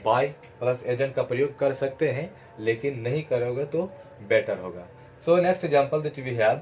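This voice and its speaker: A man teaches grammar at an ordinary middle pitch. He asks the class a question and then gives the answer himself, rule after rule. A faint background noise stays under the lesson. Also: a little mellow, lo-fi sound. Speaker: English teacher. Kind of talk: explaining grammar to students.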